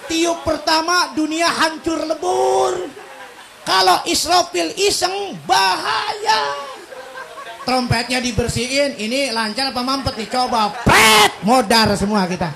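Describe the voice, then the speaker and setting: High-voiced guy preaching, cracking jokes, yells to make his point, chants verses slow. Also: vocal fry. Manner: animated, jokes often, bursts into loud emphatic shouts; chants Quranic verses slowly. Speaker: Islamic preacher. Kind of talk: humorous sermon to a congregation. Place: iftar gathering at a workplace prayer community.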